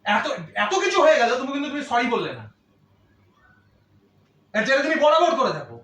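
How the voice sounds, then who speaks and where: A man's voice: very high-pitched, huge pitch swings, fairly quick, sharp tone, reverberant, far from the mic. A man with a Bengali accent, a husband arguing indignantly with his wife, scolding her and repeating himself. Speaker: husband in a prank video. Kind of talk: heated domestic argument.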